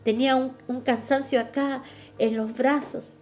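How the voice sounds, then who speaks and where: A woman's voice: high-pitched, fairly even intonation, a little slow, a little mellow, soft background music. A middle-aged woman, preaching at a women's retreat and calling her listeners sisters. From Chile. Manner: fervent, addresses listeners as sisters. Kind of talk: sermon.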